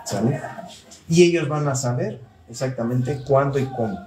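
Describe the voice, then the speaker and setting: A man's voice: medium pitch, moderate pace, warm tone, far from the mic, slight background noise. A man preaching to a live audience, calling on them to answer and repeating phrases for emphasis. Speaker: teacher of a Torah study talk. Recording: echoey room, speaker away from mic, audience present.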